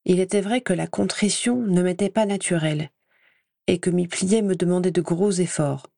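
A woman reading a first-person story aloud in a measured, clear storytelling manner. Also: fairly low pitch, dark tone, no room sound, clean studio sound. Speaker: audiobook reader.

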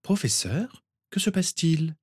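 A man voicing a worried, tearful mother in a read-aloud story, pitching his voice well up. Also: sing-song, measured pace, breathy edge, no room sound, studio quality, full character voice. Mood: anxious. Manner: anxious, pleading. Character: worried gentle mother, woman.

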